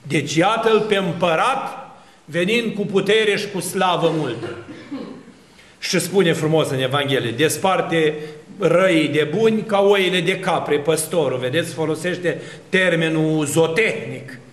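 Priest guy preaching, bit high voice, lots of questions and lists, echoey church. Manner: animated preaching with rhetorical questions and long lists. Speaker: Orthodox priest. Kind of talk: sermon.

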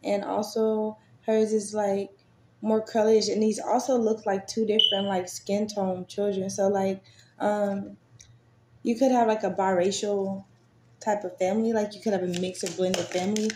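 A woman's voice: medium pitch, little pitch movement, normal speed, a little mellow. A woman giving a casual tarot reading, chatty and swearing freely, with many fillers. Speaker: tarot reader. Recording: echoey room, faint noise.

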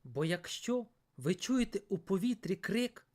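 Woman storyteller, fairy tale narration, playful with a lively melody. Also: medium pitch, a little slow. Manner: playful, expressive.

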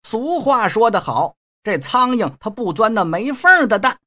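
A man voicing a brash, mocking male street thug in a storytelling performance, with a husky voice. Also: high voice, very animated, normal speed, sharp tone, voice pushed up, exaggerated voice. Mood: swaggering. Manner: rough, mocking, blustering.

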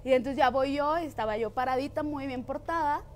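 A woman's voice: sits high, brisk, a little hiss or hum. A Mexican woman co-hosting a live talk show, chatting casually and telling ghost stories, acting out the voices of the people in them. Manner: animated storyteller who acts out quoted voices.

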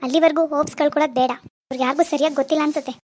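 Woman doing a bossy rich mom in a cartoon, scornful and pushy, very high voice, talks fast. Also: fairly even intonation, darkish tone, lightly acted. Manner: scornful, dismissive, brash. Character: rich, haughty mother of adult daughter. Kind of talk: Kannada cartoon drama voicing.

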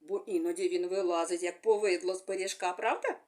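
A woman speech therapist giving a gentle, sing-song speech lesson to young children, using fond little words for them. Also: on the low side, steady tone, brisk.

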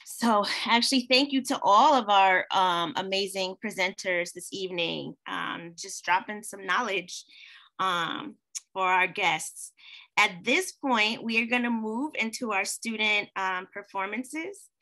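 A woman's voice: mid-range voice, a little slow, bright, forceful tone. A woman hosting a virtual event, introducing performers with encouraging remarks over a video call. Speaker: event host.

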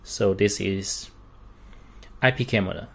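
A product demonstrator with a fairly low, slightly bright voice and some vocal fry walks through a product step by step. He speaks slowly and haltingly in short, unscripted phrases, using non-native English grammar.

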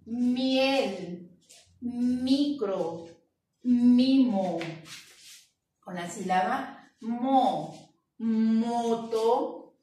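A Peruvian woman teaching syllables to small children, drawing words out slowly and praising often. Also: on the high side, a little mellow, recorded from a distance. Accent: Peruvian Spanish. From Peru. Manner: slow, drawn-out syllables, encouraging praise. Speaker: preschool teacher. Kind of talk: remote lesson for young children. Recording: echoey room, voice from off-mic with faint noise.

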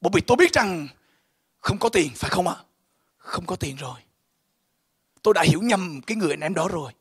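A male pastor giving an emotional sermon testimony, swinging from hushed words to shouting. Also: high-pitched, expressive, a little fast, breathy edge.

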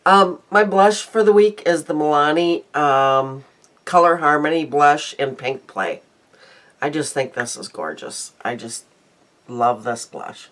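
Here's a chatty older woman from the American Midwest who makes beauty videos, recording on a desk webcam in a small, messy room at home. Her deep voice is a bit bright, with lively intonation and an unhurried pace. With a stuffy nose, she rambles on, cutting herself off and starting sentences over.

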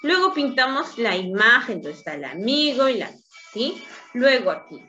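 A woman teaching young children in a slow, patient lesson. She coaxes them along, checking in after nearly every phrase. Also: fairly high pitch, sing-song, pushed and bright. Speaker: preschool teacher. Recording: dull lo-fi recording with faint music.

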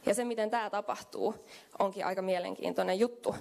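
Speaking into a handheld mic, the young keynote speaker talks to a small audience in a hotel conference room. She keeps a conversational, thinking-aloud style with fillers, her mid-range voice steady, creaky and a little mellow.

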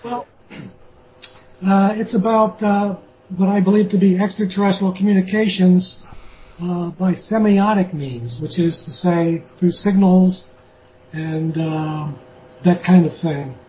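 High-voiced man on a muffled line. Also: steady tone, takes it slowly, warm tone. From born in Austria, lives in the US. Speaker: guest author. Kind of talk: remote interview answers. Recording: muffled remote line with faint hiss.

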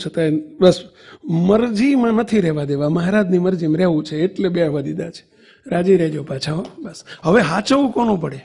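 A man's voice: on the high side, creaky, husky. A man preaching a devotional sermon to a temple congregation, telling stories, acting out quotes and asking the listeners questions. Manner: animated storytelling, acts out quotes, asks the audience questions. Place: temple assembly hall.

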